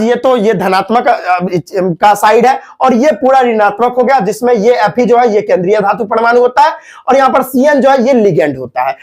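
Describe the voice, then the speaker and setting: A man teaching chemistry in a casual classroom lecture, repeating himself and coaxing students to look and listen. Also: high voice. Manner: repetitive, coaxing, keeps saying 'dekho' and 'thik hai'.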